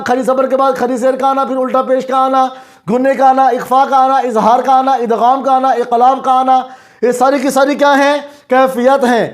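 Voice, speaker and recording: A man teaching Quran recitation rules, asking the class questions and answering them himself, and chanting examples slowly. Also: very high voice. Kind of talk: explanatory lesson.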